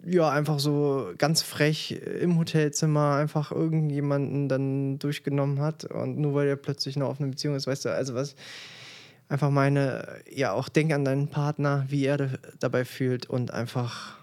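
A man's voice: medium pitch, flat delivery, moderate pace, a little mellow. A man co-hosting a casual podcast with his partner, speaking bluntly and earnestly.

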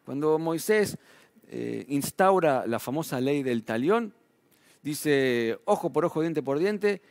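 A man's voice: on the high side, animated, takes it slowly, creaky, darkish tone, dry recording. Rioplatense preacher man, dry close sound. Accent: Rioplatense Spanish. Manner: conversational preaching with tag questions, voice rising and falling for emphasis. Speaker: pastor. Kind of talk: sermon.

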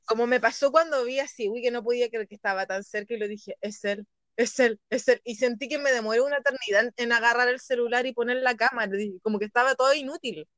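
A woman's voice: fairly high pitch, quick pace, hardly any pauses, fairly bright tone, dry recording. A woman with a Chilean accent co-hosting a podcast, chatting in a giggly, gushing fan manner. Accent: Chilean Spanish. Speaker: podcast co-host. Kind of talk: casual chat.

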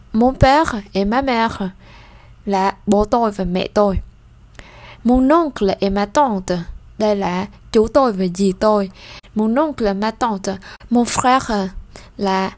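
A woman gives a bilingual language lesson with a voice of ordinary pitch for a woman. She pronounces each French word slowly and clearly, repeating it for learners. Between drills she explains in plain, steady talk. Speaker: French teacher.

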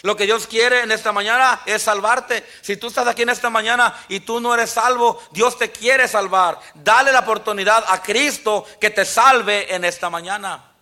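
High, bright-voiced pastor preaching. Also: male voice, steady tone, normal speed. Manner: preaching with frequent "amén, hermanos" and quoted scripture. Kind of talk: sermon. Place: church sanctuary.

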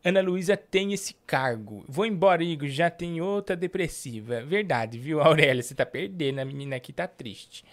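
Lively man hosting a stream. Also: a little high, moderate pace, few pauses. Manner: playful, lively, reads donations. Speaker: livestream host. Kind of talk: casual livestream chat.

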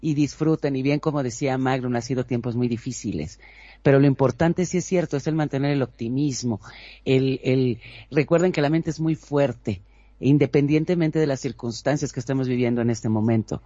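A man of middle pitch speaks earnestly and encouragingly to his listeners. The recording is dry and a little dull. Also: moderate pace, mellow, dry recording. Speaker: co-host. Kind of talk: casual radio chat.

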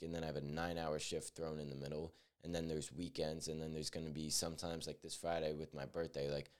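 Deep-voiced teenage man, reflective podcast talk. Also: clean tone. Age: teens. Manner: earnest, reflective, with frequent restarts and fillers. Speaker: podcast host. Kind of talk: solo podcast monologue.

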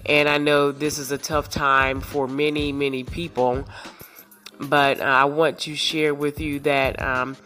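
A woman's voice: low voice, level tone, a little slow. Woman, congested voice, podcast host, reassuring, casual, faint music. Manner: warm, reassuring, many fillers. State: congested from sinus trouble. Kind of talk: casual encouraging monologue.

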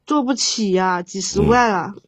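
A woman in her thirties tells a long, painful personal story on an advice call, rambling and halting with many restarts. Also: medium pitch, no echo. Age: 30s. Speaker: caller. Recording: dull lo-fi sound, dry.

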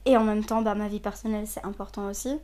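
A woman's voice: mid-range voice, steady tone, fast talker, warm tone. A woman in her twenties who grew up in Saudi Arabia, speaking hesitantly with many fillers and restarts in a personal testimony. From Saudi Arabia, of Lebanese parents. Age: 20s. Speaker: interviewee.

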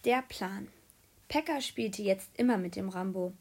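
A woman narrating a children's audiobook in a lively storytelling manner. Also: medium pitch, measured pace. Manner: lively storytelling, voicing characters.

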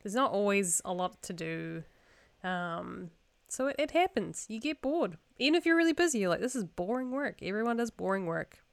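Young female co-host from New Zealand, crisp clean voice, dry close sound, casual conversational storytelling. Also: medium pitch, animated, moderate pace, no echo. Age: young adult. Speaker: podcast co-host.

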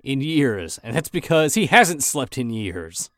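A man's voice: mid-range voice, sing-song, measured pace, a bit bright, dry recording. A man co-hosting a podcast, casually narrating an episode recap with wry jokes. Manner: wry, joking. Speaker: podcast co-host.

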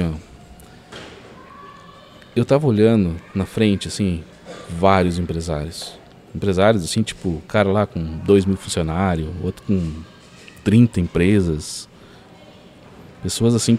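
A man's voice: deep voice, a little slow, long pauses, slight background noise. A man telling a story as a podcast guest, full of fillers like "cara". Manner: animated storyteller, many fillers like "cara" and "assim, ó".

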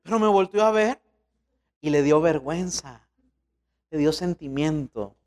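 A man's voice: a little high, animated, measured pace, a little mellow. A man, a pastor preaching a sermon in a colloquial, storytelling way.

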